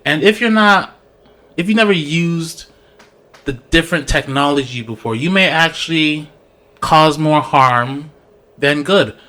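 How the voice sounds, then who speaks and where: A man giving casual, joking commentary on a reality show, animated and laughing often. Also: a little high, measured pace. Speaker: vlogger.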